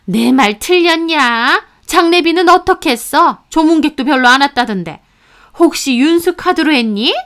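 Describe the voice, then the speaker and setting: A woman's voice: high voice, animated, normal speed, fairly bright tone, voice pushed up. A woman voicing a spiteful older mother-in-law who scolds with sneering contempt. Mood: scolding.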